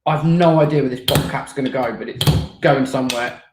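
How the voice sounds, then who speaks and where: A man's voice: mid-range voice, brisk, background noise. Laddish sweary man in an echoey room. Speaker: airsoft event organiser. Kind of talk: casual banter debrief.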